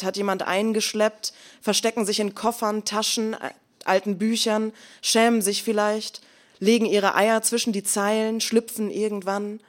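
A woman delivers a spoken-word monologue at a middling pitch. She sounds bitter and confrontational. Her voice swings between hushed, almost whispered lines and loud, forceful surges.

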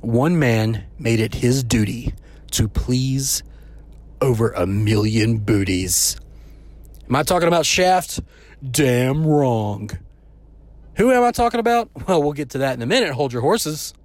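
A man delivers a scripted comedy news monologue as host. He is playful and mock-grandiose, with a mid-range voice and very lively intonation. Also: medium pitch, unhurried, dry recording.

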